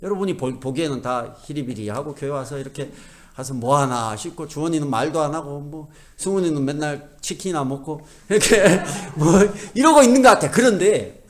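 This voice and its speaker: A man delivers a Sunday sermon in a lively, conversational way, his voice sitting somewhat high and rising and falling a great deal. He keeps asking the congregation questions and drops from loud emphatic lines to hushed asides. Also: a little fast. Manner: conversational preaching with frequent rhetorical questions to the congregation. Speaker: pastor.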